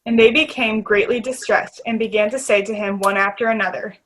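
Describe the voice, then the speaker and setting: A woman's voice: mid-range voice, fairly even intonation, brisk, fairly bright tone, poor audio. A woman reading scripted scripture narration as the narrator of a readers theater.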